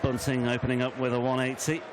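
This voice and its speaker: A man commentating on darts, measured and full of statistics. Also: medium pitch, monotone, noisy background. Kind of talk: sports commentary. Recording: commentary over loud arena crowd.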